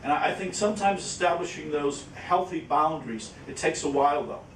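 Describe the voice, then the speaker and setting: At a question-and-answer session, a man speaks informally and haltingly, repeating words and explaining through examples with acted-out quotes. The echoey conference room is captured by a distant mic, sounding roomy with a faint rumble.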